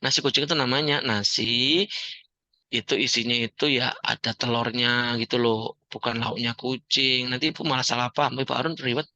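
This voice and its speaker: Joking man with a bright voice. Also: mid-range voice, moderate pace, no echo, dull audio. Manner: joking, animated, teasing the audience. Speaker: founder and coach of a debt-free community. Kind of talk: motivational talk to an audience.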